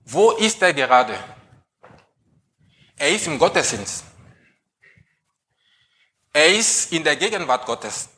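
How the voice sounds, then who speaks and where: A man preaching a sermon, putting slow, emphatic questions to the congregation. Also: a little high, very animated, bright, forceful tone.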